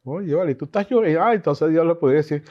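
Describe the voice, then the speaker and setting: A man's voice: fairly high pitch, fast talker. Man teaching a Bible class. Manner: animated, chatty teaching with asides and laughs. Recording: dull lo-fi recording.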